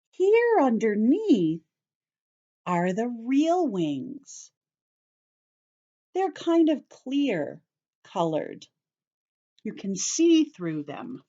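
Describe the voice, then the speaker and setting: A story-time teacher reads a picture book to young children and explains it, speaking to them directly. She talks slowly and deliberately in short, simple phrases, stresses key words carefully, and swings her pitch in big, animated arcs. The audio sounds slightly dull and lo-fi.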